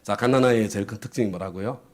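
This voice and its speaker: A man's voice: fairly low pitch, very fast. A male pastor preaching a lesson, asking his listeners questions and answering them himself. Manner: lively, asks the audience questions and answers them; acts out little quoted voices for effect. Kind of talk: sermon lesson to a congregation.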